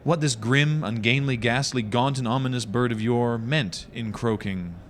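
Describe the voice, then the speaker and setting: A man's voice: medium pitch, moderate pace. A man giving a dramatic poetry reading with the hammy, declamatory delivery of a stage actor.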